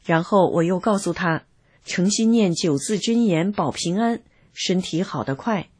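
An older woman calmly reading aloud a first-person account of her own experiences. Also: lowish voice, a little slow, slightly rough. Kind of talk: read-aloud personal testimony.

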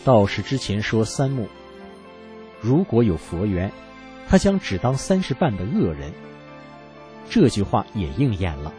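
A male radio narrator tells a story in a deep, mellow voice that swings widely in pitch. His reading is earnest and measured, paced like a scripted program. Quiet music plays faintly behind him. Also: very animated.

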